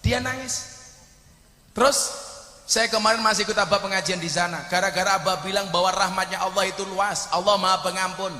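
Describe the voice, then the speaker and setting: A man with a Javanese accent delivers a comic sermon in a high, bright voice, shifting from quiet storytelling to sudden shouted punchlines. His voice rings through a large hall with a long, echoing reverb. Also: steady tone, brisk. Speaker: preacher. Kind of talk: humorous sermon.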